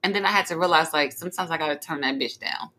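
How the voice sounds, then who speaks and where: Bright-voiced young woman podcast host, swearing freely. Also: low voice, quick pace. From Trenton, New Jersey. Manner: blunt, animated, swears freely. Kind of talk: casual chat.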